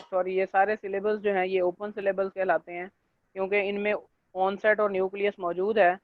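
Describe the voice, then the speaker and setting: A male lecturer gives an online class, explaining step by step, checking in with students and filling pauses with stock phrases. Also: sits high. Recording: dry, tinny phone-like line.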